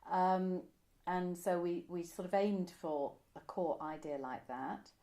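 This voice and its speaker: A woman with a fairly low, dark voice speaks slowly and steadily while seated indoors beside a window. An amateur pantomime writer being interviewed, she reminisces casually and chattily, often correcting herself as she talks.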